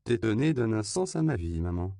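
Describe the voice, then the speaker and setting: A man's voice: on the low side, big pitch swings, normal speed, mellow, clear, resonant tone, no echo, pitched above the performer's own voice. A man voicing a brash, cheeky young woman who talks in a flippant, provocative way.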